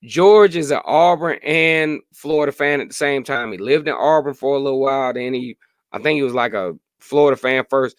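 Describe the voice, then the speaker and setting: A hoarse man in his late thirties hosts a casual sports podcast live stream, chatting freely and answering viewer comments. His voice is medium-pitched at a normal speed, with no room sound.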